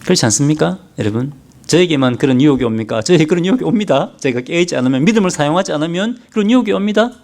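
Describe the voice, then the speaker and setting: Emphatic male pastor with a lively pitch. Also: rapid-fire. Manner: emphatic, preaching with many rhetorical questions to the congregation. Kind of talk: sermon.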